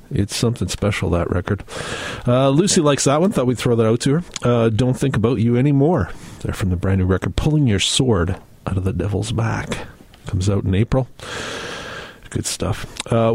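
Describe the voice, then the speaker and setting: A man's voice: mid-range voice, darkish tone, no room sound. A man hosting a folk radio show, talking casually with lots of fillers and restarts. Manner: rambling, many filler words and restarts. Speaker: radio host. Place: radio studio.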